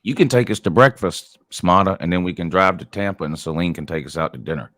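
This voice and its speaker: A man's voice: deep voice, quick pace, fairly bright tone, no room sound. A man chatting casually as a guest on a video call, joking while making plans. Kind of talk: casual chat.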